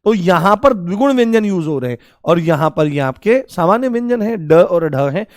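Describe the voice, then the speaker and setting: A man speaks in a high-pitched, expressive voice at a moderate pace, teaching grammar through questions he answers himself. He lovingly refers to his students as "babu." No echo is heard in this studio-quality clip.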